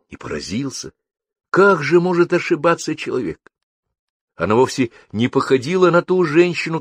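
A man reads a first-person story aloud as an audiobook, in a measured storytelling manner. His voice sits fairly low. The recording is dry and close, with no room sound. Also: no room sound. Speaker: narrator. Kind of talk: audiobook narration.

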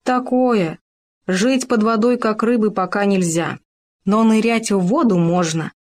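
A woman voicing an excitable young male gopher who loves making discoveries, in a children's storybook reading. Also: medium pitch, unhurried, natural voice. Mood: eager. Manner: eager, insistent, breathless with enthusiasm.

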